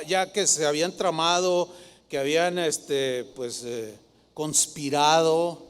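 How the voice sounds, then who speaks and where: A man preaching a Sunday sermon as pastor, dramatic, with sugary impressions of flatterers. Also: fairly high pitch, clean tone, long reverb tail.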